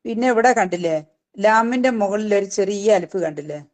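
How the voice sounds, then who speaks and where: A woman teaching a Quran recitation lesson. She explains patiently, keeps asking "okay?" and recites phrases slowly. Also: medium pitch.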